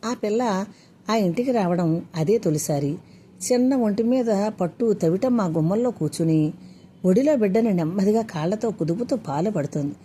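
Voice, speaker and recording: A woman storyteller reading a story aloud in a steady, measured way. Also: mid-range voice, a little hiss or hum. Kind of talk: scripted story narration.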